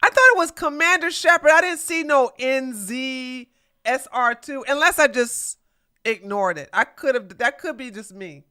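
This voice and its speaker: In a clear, resonant voice at normal speed, a woman hosts a casual livestream, reading her viewers' messages and chatting with them. Her greetings come as loud, high exclamations, and she laughs often while teasing the chat.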